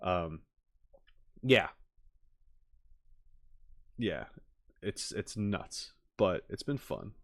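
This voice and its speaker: In a low, fairly bright voice, a game reaction streamer chats loosely with his livestream viewers, rambling and joking at his own expense. He's animated, draws out his words and leaves long pauses. He's at a home streaming setup with a green screen, with music in the background.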